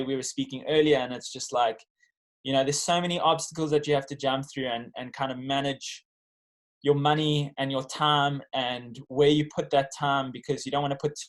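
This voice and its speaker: South African man, casual and reflective. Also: medium pitch. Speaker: professional bodyboarder being interviewed. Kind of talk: casual interview storytelling.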